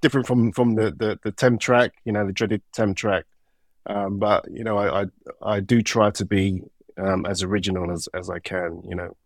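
A man with a London accent and a slight sore throat, answering interview questions thoughtfully with many pauses and fillers. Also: fairly low pitch, fairly even intonation, no room sound, studio quality. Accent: London English. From England. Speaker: composer guest.

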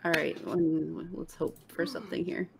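Matter-of-fact and chatty, a woman player in a tabletop role-playing game asks about the scene and rolls dice during casual play. Her low voice barely moves in pitch and carries a gravelly texture at a moderate pace, with crowd noise around her.

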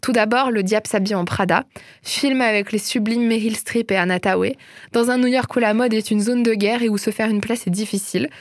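A woman's voice: fairly high pitch, fairly even intonation, fairly quick, no room sound, studio quality. A young woman recommending films and series in a chatty, enthusiastic way, laughing often. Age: young adult. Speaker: host. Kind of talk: casual film and series recommendations.

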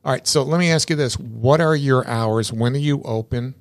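A man's voice: medium pitch, moderate pace. A man hosting a casual interview, chatty and rambling, often repeating words as he starts a sentence. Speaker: interview show host.

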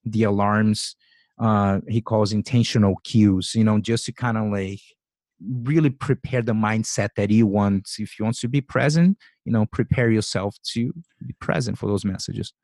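A podcast host in his forties speaks at a normal speed in a lowish, slightly mellow voice with no echo. In a casual interview conversation he rambles loosely and often acts out his own thoughts.

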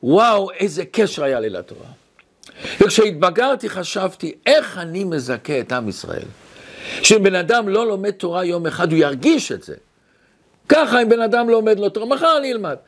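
A revered old rabbi recalling his childhood, as a man tells it in his place. He speaks earnestly in the first person, his voice high for a man. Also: sing-song.

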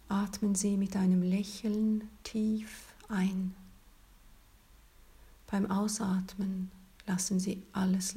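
A woman leading a guided relaxation in a soft, soothing, breathy spa-like whisper, as scripted narration. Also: mid-range voice.

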